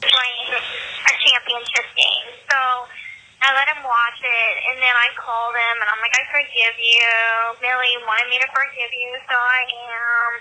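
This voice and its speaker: A woman's voice: a little high, level tone, a little slow, sharp tone, slight background noise. A woman on a collect call from prison, annoyed and emotionally worn out, venting casually with lots of "like". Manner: venting, peppered with "like". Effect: prison phone call. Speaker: inmate caller. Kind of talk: casual phone chat.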